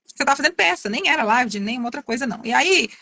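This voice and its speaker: A middle-aged woman tells a long story in a high, bright voice and talks quickly. She is chatty and keeps restarting her phrases. The sound is dry and close, as on a video call. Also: expressive, vocal fry, no echo. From Minas Gerais, Brazil. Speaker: course student giving a testimonial. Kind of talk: casual testimonial on a live video call.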